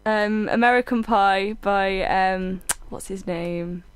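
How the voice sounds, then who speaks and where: A woman's voice: medium pitch, takes it slowly, smooth, no echo. A young woman musician being interviewed, giggly and hesitant, with many fillers. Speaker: musician guest. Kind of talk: casual interview chat.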